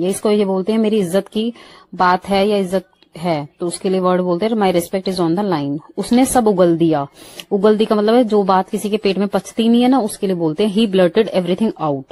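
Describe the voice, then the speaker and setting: A woman with an Indian accent teaching English vocabulary. She gives each phrase in Hindi, then says the English slowly and clearly. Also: mid-range voice, warm tone, no echo. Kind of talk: vocabulary lesson.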